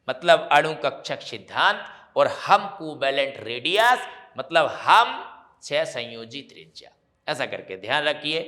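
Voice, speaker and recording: Bright, slow-talking teacher. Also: male voice, fairly high pitch. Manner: repeats key terms and explains them patiently, addresses students as "bhaiya". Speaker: chemistry teacher. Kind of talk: exam revision lecture.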